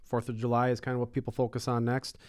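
A man's voice: medium pitch, monotone, quick pace, darkish tone. A man on a logistics panel, talking in a chatty, folksy way and throwing in pop-culture jokes. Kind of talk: casual panel discussion.

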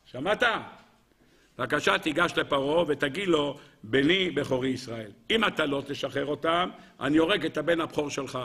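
High bright-voiced rabbi teaching animatedly. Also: male voice, creaky, breathy edge. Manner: rhetorical questions, repeated and answered; addresses listeners as gentlemen. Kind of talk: weekly Torah lesson.

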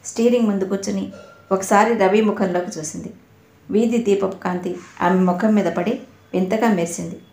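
A woman narrating an audio novel in a measured, even storytelling manner. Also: medium pitch. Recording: roomy echo.

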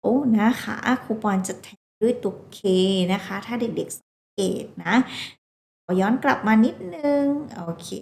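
A woman's voice: mid-range voice, a little slow, creaky, darkish tone, reverberant, a little hiss or hum. A woman teaching a children's phonics lesson, sounding out English words letter by letter and coaxing the children along.

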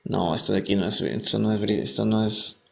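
A man from Peru teaching English on a live stream, reading aloud and explaining words in Spanish, repeating each pronunciation slowly. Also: on the low side, steady tone, gravelly. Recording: echoey room, faint music behind.

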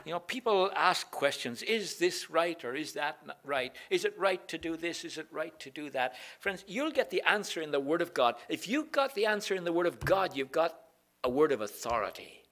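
A man preaching a sermon in a chapel, earnest, repeating key phrases and pausing often. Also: on the high side, sing-song, fairly bright tone.

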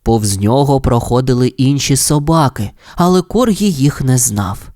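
A children's audio-tale narrator tells the story in an expressive, lilting way. The voice sits in a middle pitch and swings widely up and down. The sound is dry and close. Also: a little slow, dry recording.

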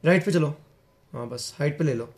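High-voiced man giving squad orders. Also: moderate pace. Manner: bossy tactical directions, repeats orders. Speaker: squad player. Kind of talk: casual gaming chat with friends.

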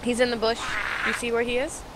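A woman's voice: a little high, monotone, a little fast. A woman playing an online game, anxiously spotting enemies and calling out directions to a teammate. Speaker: game player. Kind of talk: gameplay voice chat. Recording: voice chat with loud noise.

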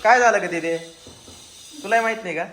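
A man's voice: high voice, fairly quick, heavy background noise. A man, casually vlogging as he picks up a child from school, coaxing and scolding with many short repeated questions. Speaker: vlogger, parent picking up a child. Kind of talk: casual spoken vlog. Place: school classroom.

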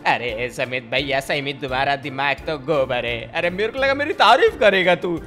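A man's voice: fairly high pitch, animated, normal speed, bright, forceful tone. A man voicing a cheeky little cartoon boy who teases and scolds his elder during gameplay role-play, with faint music behind. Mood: scolding. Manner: teasing, scolding.

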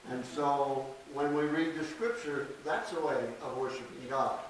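An older man preaching a sermon at a church podium, reading scripture slowly and deliberately with emphatic stresses. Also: medium pitch. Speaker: pastor. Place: small church sanctuary. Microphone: podium mic from a distance. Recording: echoey church, distant mic, faint hiss.

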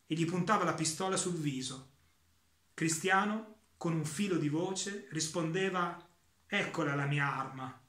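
A man reading a short literary story aloud in a calm, measured way, with slow pauses. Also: on the high side, roomy sound. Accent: Italian.

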